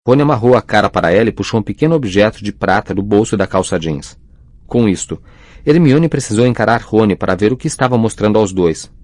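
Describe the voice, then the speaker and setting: A man narrating an audiobook in an even, measured reading. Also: fairly low pitch, dry recording. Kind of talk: scripted narration.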